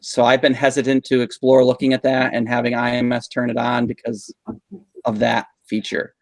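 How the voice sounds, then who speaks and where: A man's voice: medium pitch, monotone, normal speed, dry recording. Male tech trainer, patient explainer, dry close video-call sound. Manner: patient, explanatory, frequent um fillers. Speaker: instructional technology trainer. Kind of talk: live online teacher training session. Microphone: video call mic.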